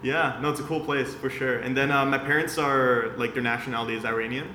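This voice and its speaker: Fast, bright-voiced man in an echoey room. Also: medium pitch, fairly even intonation. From Austria. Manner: chatty, laughs often, many "yeah" and "like" fillers. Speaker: guest, agency founder. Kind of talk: casual interview. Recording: roomy echo with faint background hum.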